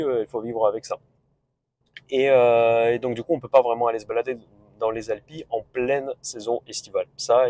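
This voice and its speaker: A man's voice: lowish voice, darkish tone, no room sound. Russian guy speaking french, rambly travel vlog chat, lots of ums, dry close sound. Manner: rambling, many hesitations and restarts. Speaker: vlogger. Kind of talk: casual travel vlog talk. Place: on a road trip, in a car.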